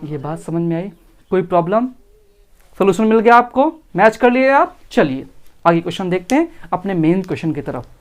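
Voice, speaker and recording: A male maths teacher giving an online exam-prep lesson, explaining slowly step by step and often asking whether his students follow. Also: sits high, expressive.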